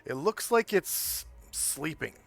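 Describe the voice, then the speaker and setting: A man improvising narration as a tabletop game master, halting and pausing to think. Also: fairly high pitch, expressive, vocal fry, slight background noise.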